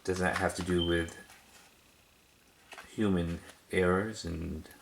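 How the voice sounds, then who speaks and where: A man with a low, creaky voice talks slowly with fairly even intonation as he shows off his cassette collection, over a noisy background. He rambles casually and hesitantly in a show-and-tell style, repeating words for emphasis.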